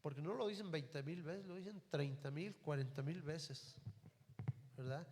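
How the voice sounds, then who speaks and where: A Mexican pastor preaches with an earnest, direct storytelling manner, his voice sitting a little high for a man. Long reverb from the church hall trails after every phrase. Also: measured pace, a little mellow. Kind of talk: sermon.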